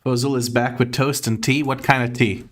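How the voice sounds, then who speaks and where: A man's voice: medium pitch, flat delivery, normal speed. A man from Croatia with an American accent, chatting casually on a live gaming stream, reading chat aloud, laughing often and swearing offhandedly.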